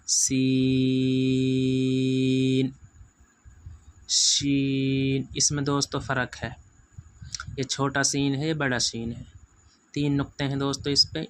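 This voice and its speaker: Male teacher, flat even delivery, faint hiss behind, slow stretched-out letters. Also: mid-range voice. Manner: patient, repetitive, drawn-out letter sounds, keeps saying "friends". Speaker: Quran reading teacher. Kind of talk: letter-by-letter pronunciation lesson.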